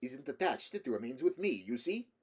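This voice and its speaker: A man voicing a jovial middle-aged male android posing as a Russian policeman, with a put-on Slavic accent and a loud, cheerful, boastful manner. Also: medium pitch, animated, normal speed, lightly acted. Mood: cheerful boasting.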